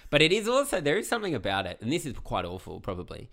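A man's voice: medium pitch, rapid-fire, gravelly. A man in casual podcast chat, rambling with many fillers. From Australia. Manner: rambling, filler-heavy, animated. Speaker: podcast guest, comedy writer.

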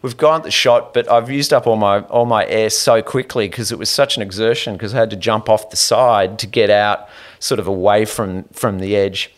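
A man hosting a podcast interview, telling a story in an animated, rambling way with restarts and trailing asides. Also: fairly low pitch, normal speed, few pauses. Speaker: podcast host. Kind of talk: conversational interview.

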